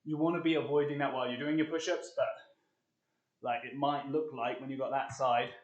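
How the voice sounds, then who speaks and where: A young man talks his viewers through push-ups on a live stream, chatty and upbeat, still catching his breath between sets. His voice sits at an ordinary middle pitch. The room around him is bare and echoey. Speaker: fitness coach. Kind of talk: live-streamed workout tutorial.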